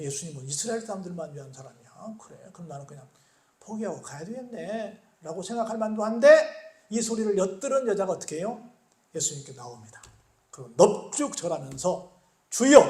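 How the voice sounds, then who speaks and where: A male pastor delivers a sermon in a high-pitched voice. He keeps asking the congregation questions, answers them himself, and voices the figures of the story as he goes. The sound is roomy, with the echo of a church sanctuary. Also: dark tone. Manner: acts out the biblical speakers in quoted lines.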